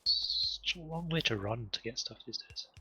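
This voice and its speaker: A man's voice: medium pitch, lively intonation, moderate pace, creaky, noisy background. A man speedrunning a game with friends, chatting casually and joking, breaking off mid-sentence. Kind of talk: casual chat while gaming.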